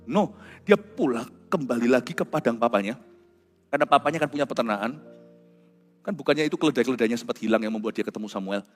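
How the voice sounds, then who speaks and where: A male pastor preaching a dramatic sermon, swinging between hushed lines and shouts and mixing in English phrases. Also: mid-range voice, expressive, fast talker. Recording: reverberant hall with soft music behind.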